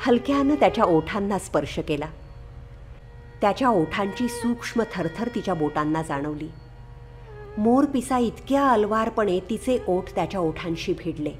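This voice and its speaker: A woman reading her own literary love story aloud in a measured, expressive narration, with faint instrumental music behind. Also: mid-range voice. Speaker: author and story reader.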